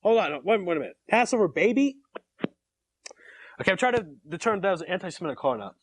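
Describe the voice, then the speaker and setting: A man hosting a live call-in radio show, talking fast and needling his caller with jokes. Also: high voice, very animated, breathy edge.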